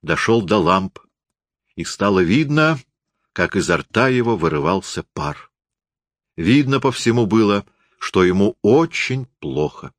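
A man narrating a story in an expressive, story-telling reading style. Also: on the low side, a little slow, no echo, clean studio sound.

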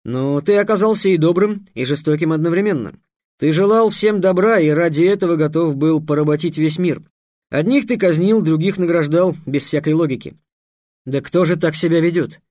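A man's voice: on the high side, normal speed, darkish tone, no echo, clean studio sound, natural voice. A man reading as a mocking young mage. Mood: reproachful. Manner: scornful, lecturing. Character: young sarcastic male mage, bold and mocking.

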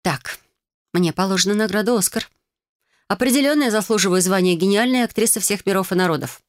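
A woman's voice: medium pitch, quick pace, dry recording. A woman narrating a first-person fantasy audiobook in a wry, sarcastic tone. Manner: wry, sarcastic inner monologue.

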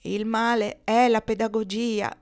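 A woman reading the part of an excitable, outspoken young female student in an audiobook, with a lively, exclamatory delivery. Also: a little high, unhurried. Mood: exclaiming.

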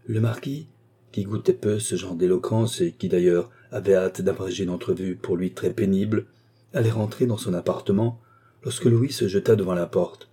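A man reading a novel aloud as an audiobook narrator, measured and deliberate. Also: deep voice, fairly even intonation, warm tone, husky. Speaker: audiobook reader.

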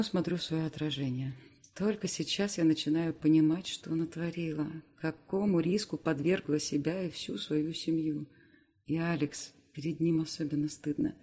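Reading a novel told in the first person, this male audiobook narrator keeps a steady, scripted delivery in a slightly high voice.

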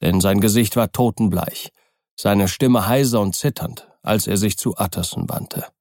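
A male audiobook narrator reading in a measured, even way, his voice on the low side. The sound is dry and close, with no room around it. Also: no echo. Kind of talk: scripted narration.

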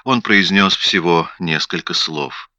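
A man's voice: low voice, slow, pushed and bright, dry recording, dull audio, exaggerated voice. A man reading an audiobook, voicing a timid, hesitant little husband who answers carefully. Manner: hesitant, apologetic.

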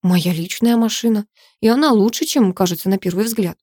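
A woman's voice: mid-range voice, fairly quick, mellow, no room sound, studio quality, lightly acted. A woman reading the part of a tough female police lieutenant, clipped and matter-of-fact.

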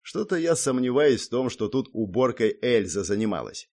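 Male audiobook narrator, animated delivery. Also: medium pitch, moderate pace. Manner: steady and matter-of-fact, with wry asides. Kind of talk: first-person audiobook narration.

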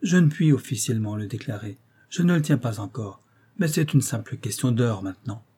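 A man reading an audiobook, voicing a polite, cunning gentleman detective who speaks courteously and with insinuation. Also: mid-range voice, lively intonation, brisk, slightly rough.

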